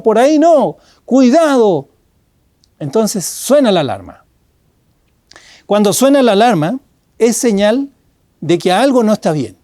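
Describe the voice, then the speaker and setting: A man with a Chilean Spanish accent preaching a sermon as pastor, animated and acting out a guard who shouts warnings. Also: fairly high pitch, no room sound.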